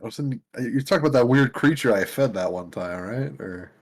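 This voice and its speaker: A man's voice: mid-range voice, animated, moderate pace, a little mellow. A man chatting casually as a player in a tabletop game. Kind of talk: casual chat.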